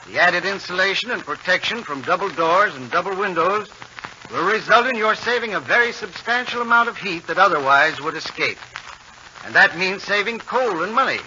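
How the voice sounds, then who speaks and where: A man's voice: sits high, bright, forceful tone. A man reading a scripted 1940s radio commercial in a precise, instructive way. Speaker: advertising spokesman. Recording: muffled, hissy 1940s radio broadcast.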